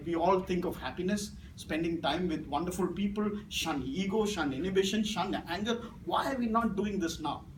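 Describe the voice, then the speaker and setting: A middle-aged man with an Indian English accent, a native Malayalam speaker, is guest speaker at a club meeting, telling stories that swing from grave to playful. His voice is high-pitched, and it's picked up from far off in an echoey, noisy meeting room with an audience.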